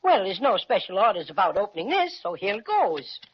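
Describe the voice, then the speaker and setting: A woman voicing a small, cheerful male teddy bear in a 1930s radio serial, with plainspoken, gruff little quips. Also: mid-range voice, sing-song, normal speed, a little hiss or hum, lightly acted. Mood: folksy. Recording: dull lo-fi 1930s radio recording.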